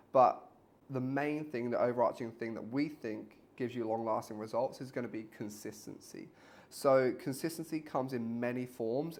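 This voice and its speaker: This fitness trainer co-hosts a podcast, chatting casually and talkatively, sometimes speeding up and swearing offhandedly. His voice is medium in pitch and a little mellow.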